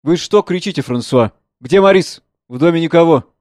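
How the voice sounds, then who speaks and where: Man doing a grave, shaken gentleman. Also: fairly high pitch, moderate pace, no room sound, studio quality, voice pushed up, natural voice. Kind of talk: dramatic play reading.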